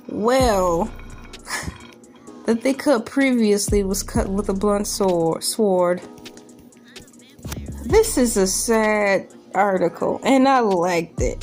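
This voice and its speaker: A slightly mellow, medium-pitched female voice belongs to a video host doing comedic, casual commentary on a news article. Her asides are incredulous, jokey and rambling, and background music sits under the recording.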